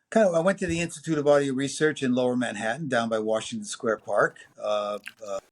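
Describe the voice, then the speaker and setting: A man in his sixties with a New York accent, telling long anecdotes as an interview guest, full of fillers and lively quoted voices. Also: on the low side. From New York City. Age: 60s. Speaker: music producer and engineer guest. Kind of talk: casual interview storytelling.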